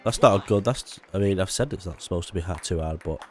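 A young man giving casual gameplay commentary, excitable and swearing often, with frustrated outbursts. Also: low voice, fast, faint music behind. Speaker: gaming YouTuber.

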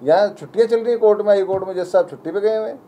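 A young man speaks quickly and with agitation at a press conference, pleading and firing off rhetorical questions. His voice sits fairly high but sounds dark and mellow. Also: slight background noise. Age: young adult. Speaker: community representative at a press conference.

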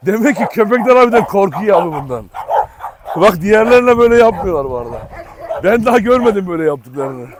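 A man's voice: sits high, very animated, fast, background noise. A man, a dog breeder hosting a vlog, chatting casually to his viewers and calling to his dogs in an outdoor kennel yard. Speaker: dog breeder and channel host.

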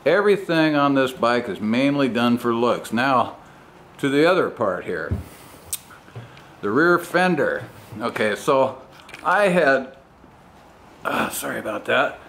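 A man giving an informal walkaround commentary, unhurried, in broken phrases with pauses, like a hobby mechanic on a handheld camera in a garage. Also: medium pitch, expressive, a bit bright. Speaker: motorcycle vlogger, home mechanic. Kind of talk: casual walkaround commentary on custom bike work. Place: home garage with open door. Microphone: handheld camera mic. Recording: noisy handheld recording in a garage.

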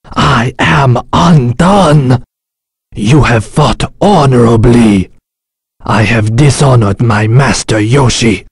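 An actor playing a wise elderly rat ninja master in a video game, stern but playful, with a raspy, gravelly voice and a formal, sage-like manner. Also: male voice, mid-range voice, slow, no room sound, clean studio sound, exaggerated voice. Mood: weary, complaining, then solemn, instructive. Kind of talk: video game battle lines and advice.

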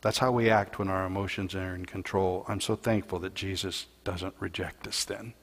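A man preaching a sermon as a pastor, telling a Bible story and building louder and higher in the dramatic parts. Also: steady tone, normal speed. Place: church sanctuary. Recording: long hall reverb in church.

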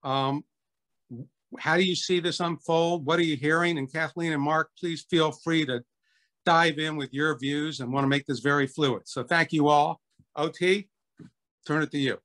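An older man moderates a panel over a video call from a home study lined with books. His voice sits a bit high for a man, and he lays out his questions in a steady, orderly run. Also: moderate pace.

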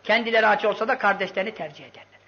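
A man preaching a sermon with impassioned storytelling, swinging from loud outbursts to hushed lines. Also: sits high, very fast. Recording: dull lo-fi recording.

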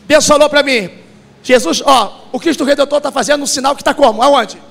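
A Brazilian pastor, preaching prophetically, shouting and repeating phrases for others to echo. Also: male voice, very high voice, brisk, gravelly.

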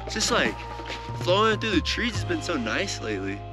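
A man's voice: high voice, sing-song, normal speed, over music. A young man filming himself on a camera at arm's length while skiing on snowy slopes, chatting in a laid-back way with lots of "like" and "dude". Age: young adult. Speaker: vlogger skier. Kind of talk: casual vlog talk. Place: outdoors on snowy ski slopes among trees. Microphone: action camera held at arm's length.

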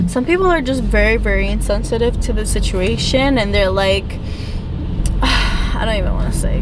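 A woman's voice: medium pitch, noisy background. A woman in her twenties, born in Ecuador and raised in New York City, chatting casually in a vlog from a parked car, with lots of fillers. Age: 20s. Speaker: lifestyle vlogger. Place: parked car, indoors in a kitchen at first.

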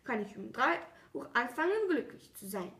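Woman doing a soft coaxing little fox, storybook, highish voice. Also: big pitch swings, moderate pace. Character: curious, gentle small male fox. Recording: roomy echo.

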